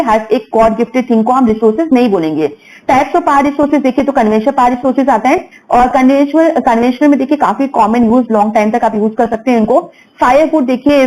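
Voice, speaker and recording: A woman's voice: on the high side, a little mellow, poor audio. A young woman teaching an exam-focused lesson, explaining step by step with English terms mixed into Hindi and frequent check-ins with her students.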